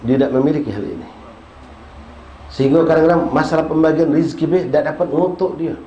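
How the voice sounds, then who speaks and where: A male preacher, giving a casual, storytelling religious study sermon and reciting Arabic verses slowly. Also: highs cut off. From Indonesia. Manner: lively storytelling, acts out scenes with sudden high-pitched bursts. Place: prayer hall. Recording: echoey prayer hall with faint background noise.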